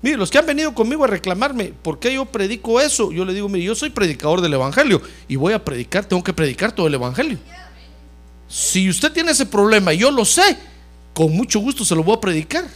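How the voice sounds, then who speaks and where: A male pastor preaches with a high voice that swings widely up and down. He talks straight to the congregation and keeps calling his listeners brother. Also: a little fast. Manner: animated preaching that repeatedly addresses listeners as brother. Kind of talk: sermon.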